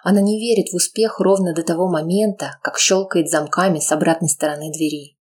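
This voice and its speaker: Husky woman narrating a tense audiobook. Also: fairly low pitch, steady tone, fairly quick, a little mellow. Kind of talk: dramatic scripted narration.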